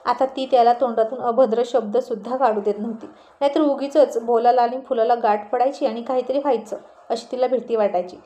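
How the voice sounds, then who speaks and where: A woman narrating a romantic family story with gentle, unhurried storytelling. Her voice sits a little high and sounds mellow and soft. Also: steady tone.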